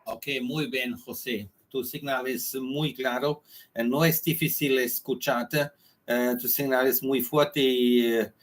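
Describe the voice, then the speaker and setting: A man's voice: mid-range voice, fairly even intonation, slow pace. A man with a German accent, a native German speaker, talks as an amateur radio operator, hesitantly searching for words as a language learner. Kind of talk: ham radio contact.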